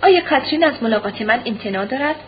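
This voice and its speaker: Brief: a woman voicing a proud, despairing young noblewoman, soft and low-key, fairly high voice, muffled audiobook recording. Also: slight background noise, lightly acted. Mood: sorrowful. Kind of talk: audiobook reading.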